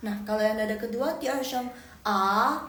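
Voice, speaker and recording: Speaking at normal speed in a fairly high voice, a woman runs a live online Mandarin pronunciation lesson. Chatty in manner, she drills syllables and tones repeatedly and corrects herself; the room echoes and faint noise sits underneath.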